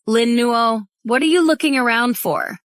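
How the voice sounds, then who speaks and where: A woman's voice: fairly high pitch, normal speed, no room sound, close to an everyday voice. A woman dubbing an arrogant, spoiled young heiress who talks down to everyone, recorded dry in a studio. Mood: sneering. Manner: sneering, haughty. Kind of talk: English drama dub.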